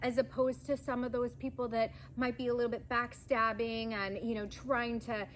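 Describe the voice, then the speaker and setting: A woman giving a pick-a-pile card reading in an enthusiastic, chatty way that sometimes gets loud and rowdy. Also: on the high side, level tone, moderate pace, a little hiss or hum. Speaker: tarot card reader.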